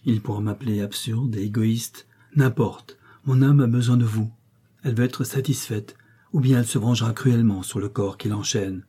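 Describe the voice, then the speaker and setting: A blind, brooding older man, as a male reader voices him, earnest and emphatic. The voice is very dark and mellow with a husky edge, like a storybook reading. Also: mid-range voice, fairly even intonation, normal speed, natural voice. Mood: pleading.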